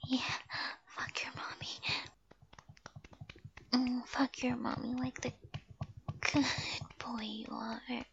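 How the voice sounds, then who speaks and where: A young adult woman speaking in a soft, hushed whisper with frequent sighs, performing an intimate roleplay. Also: a little high, little pitch movement, slow, gravelly, long pauses, lo-fi sound, a little hiss or hum.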